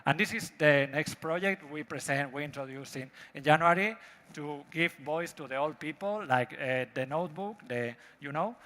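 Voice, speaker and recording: A man from Spain with a Spanish accent, a native Spanish speaker giving a live product pitch in broken, halting English. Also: bright, forceful tone. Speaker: startup presenter pitching a product. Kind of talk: live pitch presentation with demo. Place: large event hall. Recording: echoey hall with long reverb.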